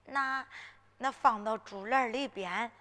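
Woman doing feisty village girl, high bright voice, slow, hall reverb, faint music. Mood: pleading. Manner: quick-tempered, plain-spoken dialect. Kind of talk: Henan zhuizi ballad storytelling.

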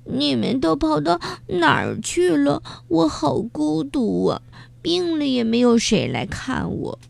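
A woman's voice: high-pitched, big pitch swings, slow, creaky, no room sound, pitched above the performer's own voice, full character voice. A woman voicing a greedy, whimpering little female beetle in a children's story. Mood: tearful. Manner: whimpering, plaintive.

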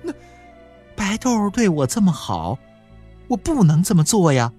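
A man's voice: sits high, sing-song, unhurried, dark tone, slightly rough, soft background music, voice pushed up, exaggerated voice. A man reading a novel aloud and voicing a blunt, anxious young widow who hesitates and stammers. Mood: fretful.

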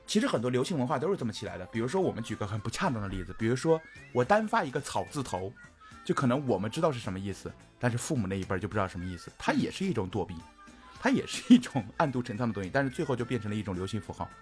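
A man co-hosting a casual chat podcast, explaining his points at length and getting more excited as he goes. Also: medium pitch, racing, soft background music. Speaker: podcast co-host.

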